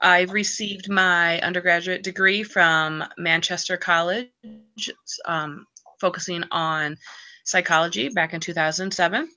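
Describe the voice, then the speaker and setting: A woman's voice: on the low side, steady tone, unhurried, pushed and bright. A woman in her thirties introducing herself casually as a student on a video call. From United States. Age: 30s. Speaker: student presenter. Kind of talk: self-introduction.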